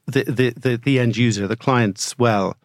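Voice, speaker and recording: A man of medium pitch co-hosts an interview, feeling his way through questions in a hesitant, conversational style. The sound is dry and free of room echo. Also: a little slow. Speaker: co-host.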